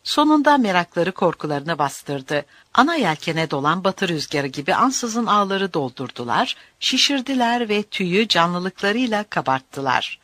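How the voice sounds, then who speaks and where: Lively, bright audiobook narrator. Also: mid-range voice, a little slow, hardly any pauses, dry recording. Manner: expressive storytelling.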